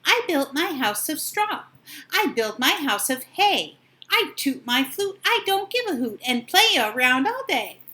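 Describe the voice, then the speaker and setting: A woman's voice: extremely high pitch, expressive, moderate pace, bright, forceful tone, pitched above the performer's own voice, exaggerated voice. A woman voicing carefree, boastful young male little pigs in a storybook, with a singsong, squealing manner. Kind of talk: storybook character voices.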